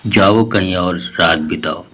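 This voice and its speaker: Scolding female myna bird, curt, storybook, man reading, low voice. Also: slow pace, fairly bright tone, full character voice. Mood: scornful. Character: sharp-tongued female myna bird, distrustful of males.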